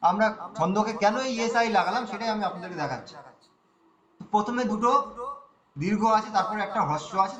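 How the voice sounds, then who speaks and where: A man with a high voice runs an online chanting lesson, rattling off explanations and then intoning verse lines slowly to a tune. He drills single syllables over and over to show short and long vowels. The sound is dull and lo-fi, in an echoey room. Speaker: Gita recitation teacher.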